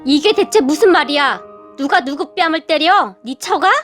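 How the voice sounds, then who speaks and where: A woman's voice: high-pitched, expressive, moderate pace, fairly bright tone, faint music behind. A woman voicing a stern, commanding father-in-law who gives firm orders. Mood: shocked.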